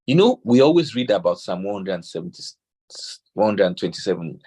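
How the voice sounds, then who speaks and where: A Nigerian man whose voice is on the low side, fairly quick and breathy-edged gives a parenting talk. Telling stories and quoting scripture, he animatedly acts out the dialogue.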